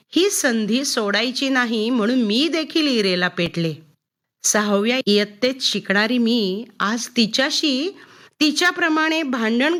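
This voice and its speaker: High-voiced woman storyteller; expressive first-person narration. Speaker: storyteller reading her own story. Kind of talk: storybook reading.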